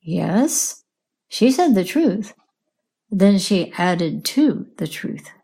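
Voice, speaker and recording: A woman teaching English in a slow, clear lesson, patiently asking questions and repeating answers. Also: medium pitch, very animated, warm tone. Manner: patient, repeats and explains words.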